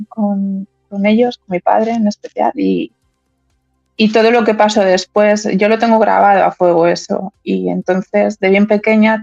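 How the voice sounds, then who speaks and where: A woman in her fifties from Madrid, Spain, answers interview questions as a political candidate, frequently repeating words and restarting phrases. Her voice is medium-pitched, creaky and a little mellow. The lo-fi recording has no room sound.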